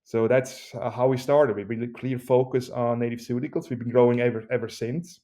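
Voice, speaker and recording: Speaking with a Swiss accent, a man who runs a company is interviewed on a podcast. He has a brisk, energetic way of talking, cracking jokes like a pitchman.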